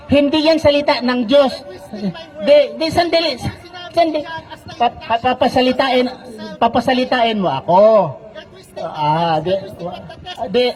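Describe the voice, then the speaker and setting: Filipino guy arguing into a handheld mic at an outdoor crowd, very high voice, keeps saying relax. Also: a little mellow, poor audio. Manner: argumentative, keeps repeating calls to relax and wait. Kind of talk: heated street debate. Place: outdoor public gathering. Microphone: handheld microphone.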